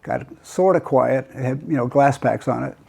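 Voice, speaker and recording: Rambling older American grandpa telling stories. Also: male voice, mid-range voice, moderate pace, gravelly, a little mellow, breathy edge. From Southern California. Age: older, 80s. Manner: rambling grandpa story, hesitant with detailed asides. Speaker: grandfather telling his life story. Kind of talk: casual personal storytelling.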